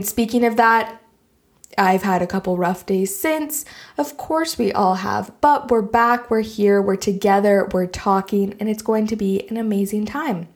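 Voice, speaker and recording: A woman's voice: medium pitch, a little mellow. A woman with a Canadian accent hosting a solo podcast in a casual, chatty, enthusiastic and informal way. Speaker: podcast host.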